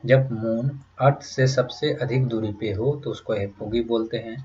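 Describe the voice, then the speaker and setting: Slow, patient male vocabulary teacher. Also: medium pitch, fairly even intonation, warm tone, highs cut off. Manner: patient, repeats each meaning and asks rhetorical questions. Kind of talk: slow explanatory lesson in mixed Hindi and English.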